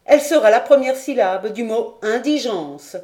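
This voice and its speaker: A woman's voice: a little high, animated, moderate pace, mellow, lightly acted. A woman voicing an eager learned geographer. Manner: eager, emphatic explaining. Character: excitable learned male French geographer.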